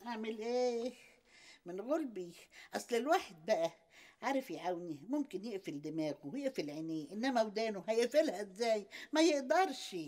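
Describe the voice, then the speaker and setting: Brief: actress as an older Egyptian mother-in-law, nosy and insistent, slightly high voice. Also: expressive, quick pace, a little mellow, natural voice. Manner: prying, complaining, insistent questions. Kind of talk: TV series acting.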